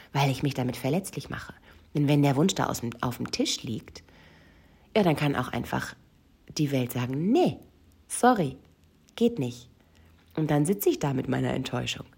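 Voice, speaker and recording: A session coach speaks intimately and directly to the listener in a personal monologue, often sinking into a whisper. Her voice is low, gravelly, darkish and slightly rough.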